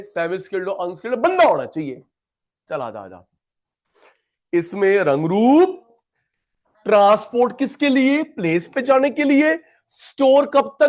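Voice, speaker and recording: A man teaching an economics class, chatty and repetitive, calling students by name. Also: sits high. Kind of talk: classroom lecture.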